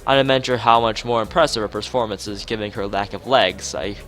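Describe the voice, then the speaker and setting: With a fairly low, slightly bright voice and a little fast pace, a man narrates a visual novel aloud in dramatized fashion. Music plays in the background, and now and then he trips over phrases and rereads them.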